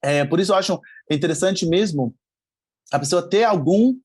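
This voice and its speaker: Explaining male guest, higher voice. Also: normal speed, darkish tone, husky. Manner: explanatory, frequent "sabe?" and hesitations. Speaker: guest, language teacher. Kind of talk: casual interview chat.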